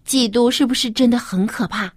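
A woman's voice: on the high side, brisk, slightly rough, dry recording. A woman hosting a children's Bible program, speaking to young listeners as if reading to a toddler, with simple questions put straight to them. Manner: addresses small children directly with simple rhetorical questions.

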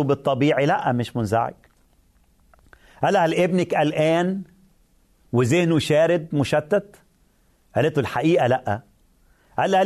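A man's voice: fairly high pitch, a little mellow. A man with an Egyptian Arabic accent preaching a sermon, speaking earnestly and addressing the listener directly with repeated phrases.

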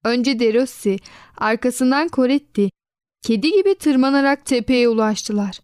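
A woman narrating a children's storybook in an expressive reading voice, giving quoted lines a lively lift. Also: a little high, normal speed, clean tone, no echo, clean studio sound.

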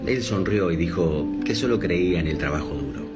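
A man reading an inspirational story aloud in a slow, solemn way. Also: sits low, animated. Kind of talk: scripted inspirational narration. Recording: music bed under the voice.

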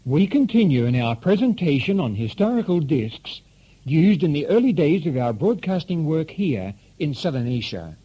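A man's voice: fairly high pitch, big pitch swings, moderate pace, highs cut off. A man hosting a scripted historical radio presentation, recorded on an old cassette. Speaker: radio host.

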